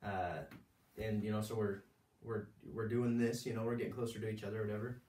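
A man's voice: lowish voice, fairly even intonation, a little fast, mellow. Rambling man telling a story. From United States. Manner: rambling, many restarts and fillers. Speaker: vlogger giving life advice. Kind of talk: casual storytelling monologue. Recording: roomy, mic at a distance.

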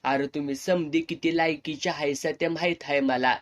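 पुरुष वाचक साकारतोय करारी म्हातारा. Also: male voice, fairly high pitch, steady tone, normal speed, lightly acted. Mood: defiant. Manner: gruff, defiant rural dialect. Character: stern proud old village man.

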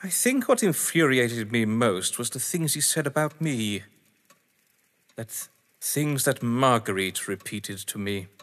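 In an audio drama, a man plays a witty, haughty husband being questioned, verbose and theatrical with a bitter, sardonic mood. His medium-pitched voice is sing-song and a bit bright, at a measured pace, with echoey, hall-like reverb.

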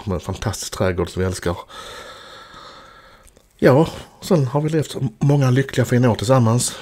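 Man in his fifties, lowish voice, chatty storytelling, casual voice-over. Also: darkish tone. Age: 50s. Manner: chatty, self-mocking storytelling. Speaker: vlogger.

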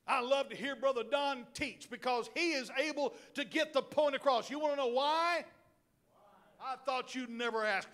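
A middle-aged male pastor delivers a sermon to his church. His voice sits very high for a man. He preaches in an animated, joking way and often turns to the people in the pews. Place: church sanctuary.

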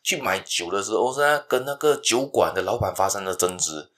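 A man voicing a wise father who tests his son, calm and instructive. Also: lowish voice, moderate pace. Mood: alarmed. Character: wise, testing middle-aged father.

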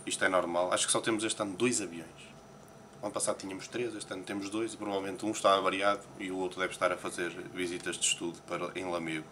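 A man's voice: low-pitched, fairly even intonation, fast, bright, forceful tone, a little hiss or hum. A man from Portugal with a European Portuguese accent, chatting casually in an interview and commenting on newspaper headlines with frequent hesitations. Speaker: poker player interviewee. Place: Las Vegas, morning.

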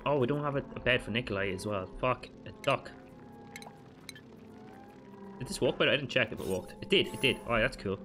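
A man giving let's play commentary as a gaming channel host, frantic and swearing, talking to himself and his viewers, his pitch jumping up sharply whenever he panics. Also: a little fast, pauses often, bright, forceful tone, soft background music.

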